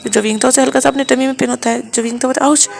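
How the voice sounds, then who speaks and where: A woman narrating a fan fiction story quickly, often restarting her sentences. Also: high-pitched, steady tone, vocal fry. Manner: rapid, with frequent restarts.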